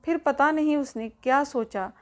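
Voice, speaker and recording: Female storyteller, high voice, scripted narration of a family tale, reads evenly and voices the characters herself. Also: normal speed, darkish tone.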